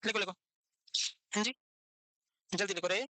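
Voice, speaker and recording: Male nursing teacher, high bright voice, quick, teasing and chatty in class. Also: fairly even intonation, no echo. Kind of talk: classroom lecture with joking asides.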